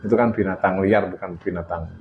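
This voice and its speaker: Javanese-accented male religious teacher, relaxed and chuckly, dull lo-fi recording with faint hiss. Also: low voice, a little fast. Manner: chuckles often, acts out everyday dialogue. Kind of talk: casual religious teaching to a study group.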